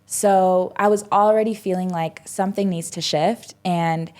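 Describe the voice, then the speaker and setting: A woman's voice: fairly low pitch, fairly even intonation, measured pace, darkish tone. A woman in her twenties, a podcast guest, talking casually and reflectively, with many fillers and restarts. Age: 20s. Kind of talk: casual conversational interview.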